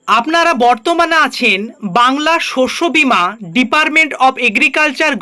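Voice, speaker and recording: High-voiced woman explaining a scheme to viewers. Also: pushed and bright. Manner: explanatory, addresses viewers directly, mixes in English. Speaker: channel host. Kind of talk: informational video narration.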